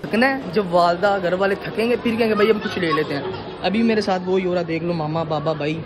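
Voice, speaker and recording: Crowd noise fills the background as a young man chats to a phone camera at arm's length in a shopping mall. He has a high voice and a fairly quick pace, and his casual vlog talk is joking and a little boastful.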